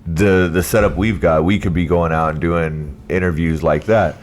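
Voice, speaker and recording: A man's voice: sits low, steady tone, normal speed. A man hosting a podcast explains things in casual, conversational talk in a living room. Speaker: podcast host.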